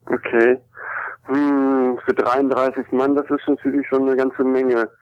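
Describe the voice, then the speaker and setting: A man with a clear, medium-pitched voice answers a caller in a very dry sound. He is courteous and helpful, talking casually with hesitant pauses as he thinks. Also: little pitch movement, dry recording, muffled recording. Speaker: person answering an enquiry by phone. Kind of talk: casual, helpful phone talk.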